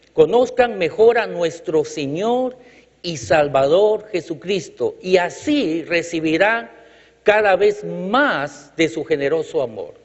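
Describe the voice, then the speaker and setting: In an echoey church hall, a high-voiced Chilean preacher gives a sermon punctuated by congregational call-outs. He's emphatic, repeating lines rhythmically and adding light jokes, and the sound is reverberant, dull and lo-fi.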